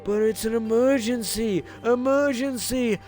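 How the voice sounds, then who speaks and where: A man voicing a pleading teenage girl from a video game with a drawn-out stoner drawl. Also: very high-pitched, a little mellow, soft background music, voice pushed up. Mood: urgent pleading. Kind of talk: video game character voice-over.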